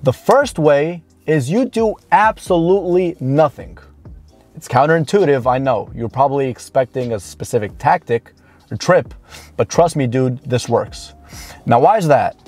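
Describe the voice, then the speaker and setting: Animated and mid-range with a darkish tone, a dating coach around thirty talks to camera from inside a parked car while background music plays. He's blunt, informal and emphatic, and he draws out his key words.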